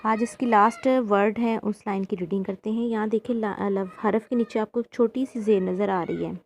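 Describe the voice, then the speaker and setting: A woman with a Pakistani Urdu accent teaching a children's reading lesson, sounding out syllables slowly and repeating them. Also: medium pitch, steady tone, darkish tone, slight background noise. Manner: slow, drawn-out syllable drills for children.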